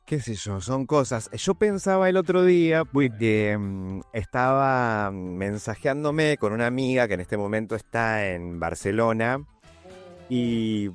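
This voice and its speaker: A man's voice: medium pitch, unhurried, smooth, soft background music. A man with a Patagonian Argentine accent, co-hosting a casual radio chat in a studio, musing aloud in a conversational way. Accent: Patagonian Argentine Spanish. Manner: conversational, musing, lively intonation. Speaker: radio co-host.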